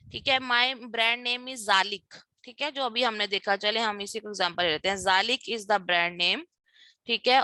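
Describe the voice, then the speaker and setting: A woman's voice: on the high side, sharp tone, dry recording. A woman teaching an online class, mixing Hindi-Urdu with English, patient and repeating herself, heard over a video call. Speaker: instructor. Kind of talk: online class lecture with role-play practice.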